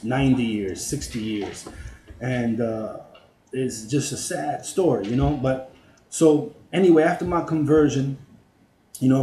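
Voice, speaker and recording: A man's voice: mid-range voice, dark tone, slight background noise. A middle-aged man, a former prisoner, giving a casual personal testimony, full of "you know" and "man". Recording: roomy, echoey sound.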